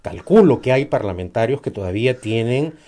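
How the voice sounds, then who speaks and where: A man's voice: mid-range voice, animated, brisk, mellow. A man, giving emphatic, critical political commentary in a discussion, with frequent "eh" fillers.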